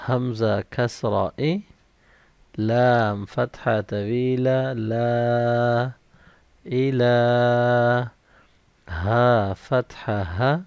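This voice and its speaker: A man teaching Quran reading, spelling out each letter and vowel and then slowly blending the syllables in a recitation drill. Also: medium pitch, steady tone, vocal fry, a little mellow, clean tone, no echo. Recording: dull, slightly lo-fi dry recording.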